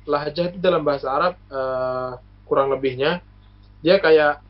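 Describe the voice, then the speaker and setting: A man from Lombok, Indonesia, talks as a guest in a relaxed chat, teaching step by step with plenty of pauses and worked examples. His voice sits somewhat high for a man. The recording sounds muffled and lo-fi. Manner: patient lecturing, full of hesitations and examples. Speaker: guest, university alumnus. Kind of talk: casual explanatory chat.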